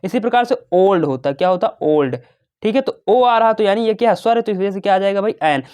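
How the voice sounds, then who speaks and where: A man's voice: high-pitched, fast, darkish tone, clear, resonant tone. A young man teaching a casual lesson, chatty and brotherly, asking and answering his own questions. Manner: chatty, calls students "bhai" and "babu", asks and answers his own questions.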